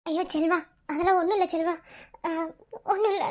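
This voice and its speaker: A woman's voice: very high-pitched, steady tone, a little fast, a little mellow. Woman voicing a shy young wife from Madurai. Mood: subdued. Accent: Madurai Tamil. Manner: coy, bashful.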